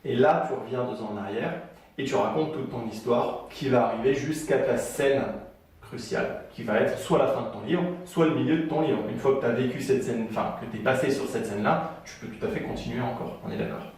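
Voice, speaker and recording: A man's voice: medium pitch, a little fast, darkish tone, heavy reverb, distant mic. A man giving a casual video lesson on writing, chatty with frequent fillers and restarts. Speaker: writing coach.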